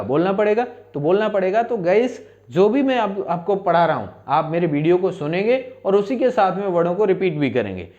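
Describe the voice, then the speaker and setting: A man's voice: high-pitched, darkish tone, highs cut off. A male teacher giving a spoken-English lesson, asking questions and answering them himself in repeat-after-me drills.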